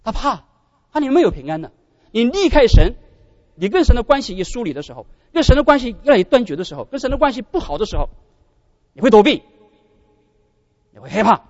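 A man preaching a sermon as pastor, animated and often addressing his brothers and sisters. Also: extremely high pitch, fast talker, long pauses, dry recording, lo-fi sound.

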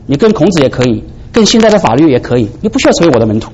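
A man preaching a sermon in an animated way, often asking his listeners "right?". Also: medium pitch, racing. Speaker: pastor. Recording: dull lo-fi recording with faint background noise.

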